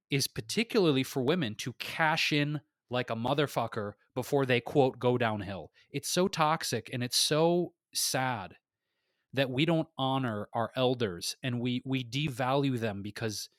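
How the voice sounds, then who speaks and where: A man rants on a podcast he co-hosts. He sounds heated and restless, swears freely and keeps restarting his sentences. His voice sits at an ordinary male pitch and is recorded dry and close. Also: a bit bright, dry recording. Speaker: podcast co-host. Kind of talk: impassioned casual podcast talk.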